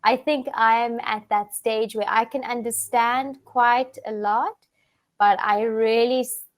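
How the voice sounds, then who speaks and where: A woman's voice: fairly high pitch, fairly even intonation. A young woman from South Africa, an online English tutor, chatting casually on a video call and explaining things with frequent restarts. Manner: friendly, explains slowly with frequent restarts and fillers. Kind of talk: casual online conversation lesson.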